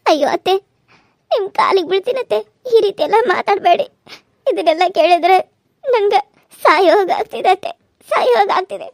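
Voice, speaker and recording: A woman's voice: extremely high pitch, animated, brisk, long pauses, no echo, studio quality. Woman putting on a begging young bride. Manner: pleading, begging. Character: tearful pleading young bride. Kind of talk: cartoon serial voice acting.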